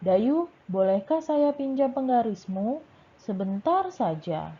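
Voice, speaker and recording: A woman's voice: fairly high pitch, very animated, slow, slightly rough, voice pushed up, heavily acted. A woman voicing a polite schoolboy who asks a classmate to borrow a ruler, in a lilting read-aloud way. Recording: tinny phone-like sound.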